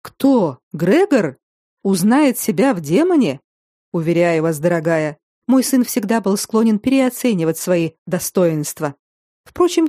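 A woman voicing a calm, ironic elderly nobleman with a dry, teasing manner. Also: medium pitch, dry recording.

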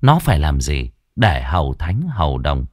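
A man's voice: a bass voice, huge pitch swings, moderate pace, no echo, clean studio sound. A man narrating a story expressively, in a dramatic and varied way. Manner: dramatic, varied delivery, voicing the characters.

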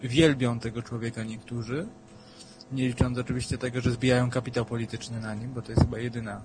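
A man's voice: level tone, quick pace. A man calling into a talk radio show, arguing about politics in a skeptical, wry way. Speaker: caller. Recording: low-bitrate talk radio stream with faint music.

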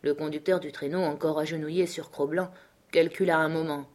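A woman narrating a novel as an audiobook, measured and clear. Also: deep voice, steady tone.

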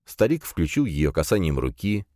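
Male narrator, deep and low, animated dramatic reading, dry booth sound. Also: normal speed, dry recording. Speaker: audiobook narrator. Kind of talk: first-person fantasy audiobook narration.

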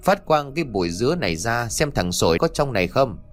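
A man voicing a gruff, bossy old male village exorcist who barks orders and scolds. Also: mid-range voice, big pitch swings, brisk, faint music behind, lightly acted. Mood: bossy scolding.

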